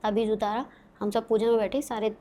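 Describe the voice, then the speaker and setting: Woman podcast guest, slightly high voice, casual and dramatic storyteller. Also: fairly even intonation, a little fast, warm tone. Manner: dramatic, suspenseful narration in short vivid bursts.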